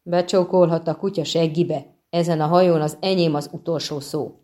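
A woman voicing a gruff, stubborn ship captain with a coarse, defiant manner, in an audiobook. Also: low voice, fairly even intonation, mellow, lightly acted. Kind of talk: audiobook reading.

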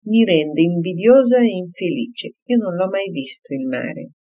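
A woman's voice: on the low side, expressive, unhurried. A reader doing a clever tactful young woman. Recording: slightly muffled recording.

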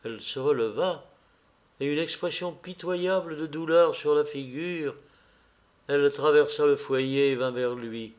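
A man narrating a classic novel as an audiobook reader, in a low-key dramatic way. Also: a little slow.

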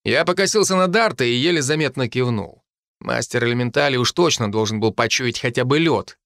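A man reading a first-person novel aloud as an audiobook narrator, in an even, measured storytelling manner. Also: medium pitch, dry recording, studio quality.

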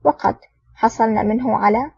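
A woman's voice: a little high, moderate pace, creaky, warm tone, husky, no room sound, full character voice. A woman voicing an anxious, ambitious male Soviet officer who talks in an eager, flustered way. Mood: nervous. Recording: dull lo-fi audio.

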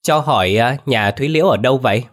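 A man's voice: mid-range voice, fast talker, voice pushed up, close to an everyday voice. A man voicing a bullying bald male gang boss who barks threats. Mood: angry yelling. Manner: barking, threatening.

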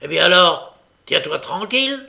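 A man's voice: a little high, sing-song, normal speed, vocal fry, sharp tone, heavily acted. A man reading an audiobook, voicing a brutal male housebreaker who growls threats and scorn. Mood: threatening. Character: brutal grown male housebreaker, snarling and contemptuous. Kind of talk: audiobook character voice.

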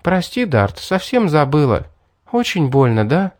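Guy doing a fanged young woman, nervy and a bit higher, dry close sound. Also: animated, normal speed, dry recording, natural voice. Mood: apologetic. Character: sharp young woman with fangs, wary.

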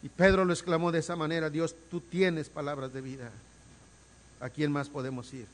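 A man preaching a sermon as pastor, swinging from quiet asides to loud, emphatic calls and repeating words for emphasis. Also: fairly high pitch, flat delivery, moderate pace.

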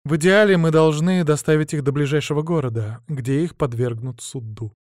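A man's voice: fairly high pitch, brisk, a little mellow, dry recording, studio quality, lightly acted. A man voicing a proud, stern woman who is a battle priestess, lecturing righteously in an audiobook.

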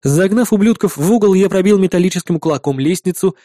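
A man reading first-person audiobook narration in a gruff, sardonic manner. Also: sits high, quick pace, dark tone, no room sound, clean studio sound.

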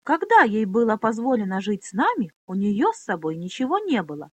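A woman voicing a spiteful, shrill young noble girl who sneers and squeals. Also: big pitch swings, a little fast, no echo. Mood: shrill sneering.

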